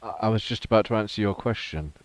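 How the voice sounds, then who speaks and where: Speaking fast in a voice on the low side, this man is recorded dry on a podcast mic with no echo. He's a player in a tabletop game, chatting casually, poking fun at himself and sometimes counting aloud.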